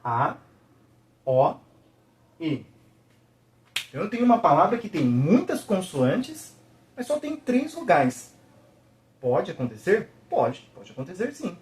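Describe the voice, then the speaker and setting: A man teaching a video lesson, patiently checking in with the viewer and slowly sounding out each syllable. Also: a little high, very animated.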